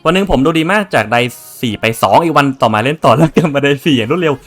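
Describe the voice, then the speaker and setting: A man's voice: a little high, expressive, fast, faint music behind. A young man casually commenting on his strategy game as he plays, chatting to viewers and swearing freely. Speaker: game streamer.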